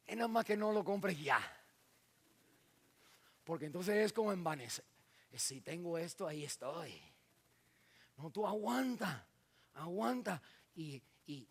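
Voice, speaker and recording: A man preaching a sermon in a church, acting out scenes with sudden shouts and dropping in English words. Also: fairly high pitch, slightly rough. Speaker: pastor.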